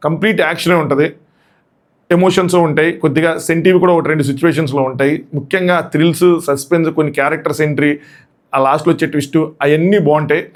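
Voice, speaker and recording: A man with a voice hoarse from shouting gives a casual, excited, rambling movie review and repeats his points. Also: a little high.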